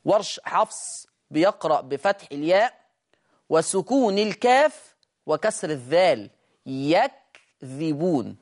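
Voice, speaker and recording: A Quran recitation teacher with an Egyptian accent, explaining quickly and then slowly drawing out each word to demonstrate how it is read. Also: mid-range voice, expressive. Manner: brisk explanation, slow drawn-out demonstration of words. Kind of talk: recitation lesson.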